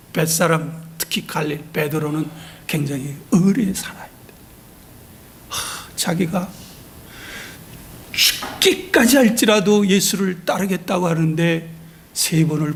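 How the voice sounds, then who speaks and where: Pastor from seoul, chatty folksy sermon, kinda gravelly. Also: male voice, fairly high pitch, slight background noise. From Seoul, South Korea. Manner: folksy, chatty, sudden swings between loud and hushed. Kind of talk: storytelling sermon.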